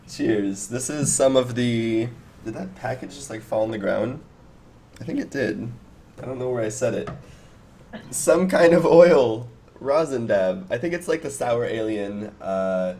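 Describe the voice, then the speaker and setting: A man's voice: medium pitch, darkish tone. A man of twenty chatting casually with viewers on a live stream over a video call headset, rambling and laughing, with many restarts. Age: 20s. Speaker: cannabis streamer. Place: small home room, indoors.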